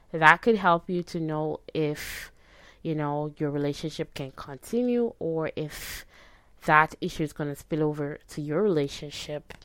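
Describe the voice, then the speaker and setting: Low-voiced, smooth woman podcast host. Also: no echo. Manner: conversational, checks in with tag questions like "right?" and "okay?". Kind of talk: casual advice talk to listeners.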